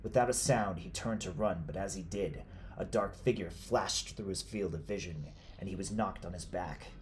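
A man with a deep, low voice reads a dark horror tale in steady, scripted narration. His delivery is grave and measured. A faint hiss sits under the voice.

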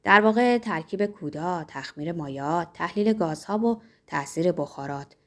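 A woman's voice: lowish voice, expressive, a bit bright. A woman voicing a pompous middle-aged male pharmacist who lectures at length, in a storybook reading. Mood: lecturing.

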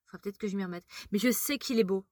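A woman hosting a casual chat, talking in a gushing, animated way. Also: mid-range voice, no echo, clean studio sound. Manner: animated and gushing, quick talk. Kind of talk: casual chat about TV dramas.

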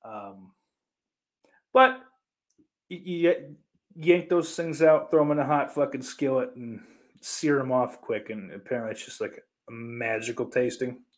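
A man chats casually on his livestream, rambling, swearing freely, and poking fun at himself as he reads out viewers' messages. His mid-range voice moves a little slowly, and the recording has a roomy echo.

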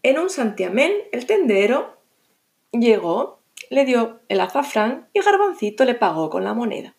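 A middle-aged woman narrating a children's story, expressive and unhurried. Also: a little high, vocal fry. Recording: music bed.

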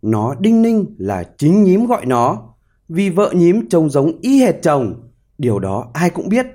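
A man narrating a fable in an expressive, animated storytelling style. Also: a little high, slow pace.

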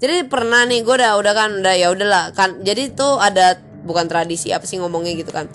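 A woman's voice: mid-range voice, fast, fairly bright tone, slight background noise. A young woman, telling a story in a chatty, slangy vlog with exasperated venting. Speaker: vlogger.

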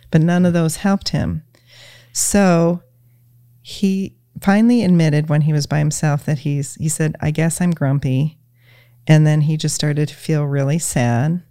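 A woman as a podcast guest, talking in a gentle, reflective way with many "you know"s. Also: low-pitched, steady tone, measured pace, no room sound, studio quality. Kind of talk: casual conversation, retelling a children's story.

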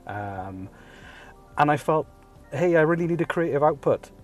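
Driving his car, a Welsh podcast host in his thirties speaks at normal speed with a fairly high pitch, lively intonation, and darkish tone, soft music playing behind him. His casual, jokey, self-deprecating monologue is full of ums and captured on a phone hands-free kit.

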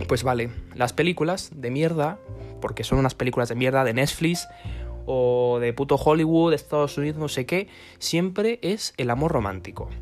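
A man's voice: a little high, darkish tone. Sarcastic man ranting profanely. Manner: sarcastic, swears constantly, rambling. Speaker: vlogger. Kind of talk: profane comic rant.

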